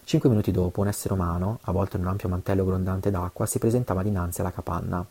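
A man's voice: low-pitched, fairly even intonation, very fast, mellow. A man reading an adventure novel aloud, with occasional stumbles and self-corrections. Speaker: audiobook reader.

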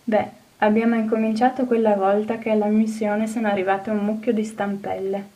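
A woman reading an audiobook, voicing a cheerful, eager little orphan girl who talks in a bright, earnest way. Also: mid-range voice, little pitch movement, fairly quick, distant mic, natural voice, low-quality recording. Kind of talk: audiobook character voice.

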